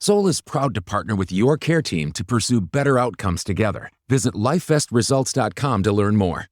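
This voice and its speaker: Male announcer, ad read, animated delivery, smooth. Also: fairly low pitch, moderate pace, no room sound, studio quality. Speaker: sponsor announcer. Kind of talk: read ad spot.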